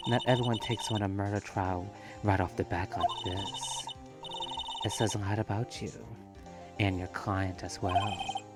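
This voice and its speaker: A man's voice: low voice, steady tone, a little slow. A man voicing a composed senior lawyer mentoring a rookie in a video game, read in a stilted amateur way. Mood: calm. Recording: loud music under voice.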